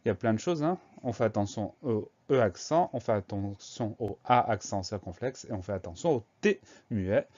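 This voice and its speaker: A man's voice: on the low side, expressive, normal speed, a little mellow, dull audio. A man teaching a spelling lesson, patiently spelling words out letter by letter.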